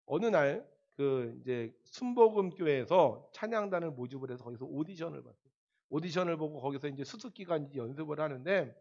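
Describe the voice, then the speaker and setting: Pastor preaching with a lively, high voice. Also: male voice, highs cut off. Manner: storytelling with swings between loud emphasis and quiet asides. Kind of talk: sermon.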